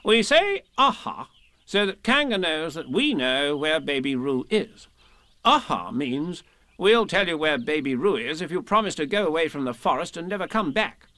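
A man voicing a bossy, self-important male rabbit in a high, loud, commanding voice. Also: very animated, no echo. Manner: brisk, commanding.

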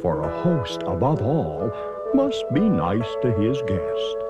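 A gentle giant of a moose, put on by the storyteller, talks kindly and politely. His voice swoops up and down. Music plays behind him. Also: medium pitch, huge pitch swings, takes it slowly, lo-fi sound, pitched below the performer's own voice, exaggerated voice. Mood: patient. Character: big-hearted gentle male moose, patient.

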